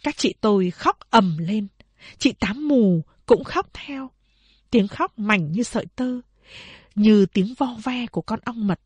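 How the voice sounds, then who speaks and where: Husky-voiced woman narrating a novel. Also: medium pitch, lively intonation, takes it slowly, no room sound. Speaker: audiobook narrator.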